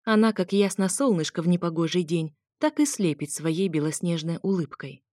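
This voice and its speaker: A woman's voice: on the low side, lively intonation, moderate pace, a little mellow, dry recording, studio quality. A woman narrating a first-person audiobook with a wry, ironic delivery.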